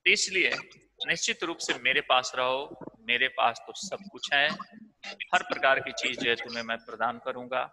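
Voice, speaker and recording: Male teacher, patient and explanatory, slow pace, noisy recording. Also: mid-range voice. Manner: patient, explanatory, restates lines with fillers. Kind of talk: explaining a story in a school lesson.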